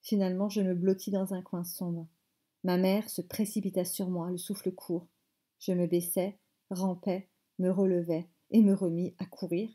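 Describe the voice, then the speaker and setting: A woman teacher reading a novel aloud in measured phrases, stopping to explain words. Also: lowish voice, level tone, mellow. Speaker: French teacher.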